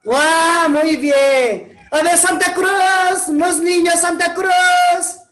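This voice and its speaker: A male pastor leads children through a sermon in slightly broken Spanish, calling on each group in turn. He talks very slowly and encouragingly, in a very high voice. The recording has a roomy echo. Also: steady tone, fairly bright tone. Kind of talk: preaching to children with shouted call-and-response.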